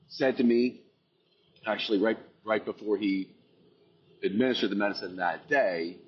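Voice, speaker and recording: A man's voice: on the low side, lo-fi sound. A man earnestly recounting a personal experience, intense and reflective, repeating phrases for emphasis.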